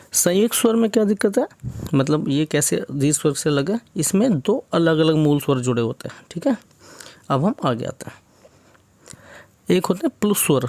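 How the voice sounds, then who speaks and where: Young male tutor, fairly high voice, dry close sound, patient step-by-step explainer who mixes English terms into his teaching. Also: a little mellow, dry recording. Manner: explains step by step, often says "theek hai"; mixes English words into Hindi. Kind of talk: exam-prep lesson.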